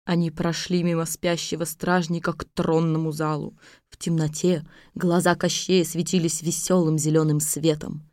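A woman narrating a fairy tale in a calm, even storytelling manner. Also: deep voice, moderate pace, dry recording, studio quality.

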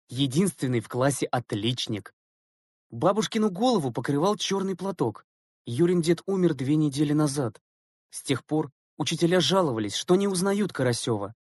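A man narrating a story as an audiobook reader, in a measured storytelling manner. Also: fairly high pitch, darkish tone, no room sound, clean studio sound. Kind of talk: scripted narration.

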